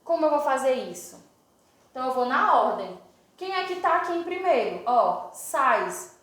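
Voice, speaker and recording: A woman with a Brazilian Portuguese accent teaches an English grammar lesson, breaking each rule down step by step. Her voice sits high, and she slows right down for every English example. The recording has a heavy room echo. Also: big pitch swings, fairly bright tone. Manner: explains step by step, reads English examples slowly. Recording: very echoey room.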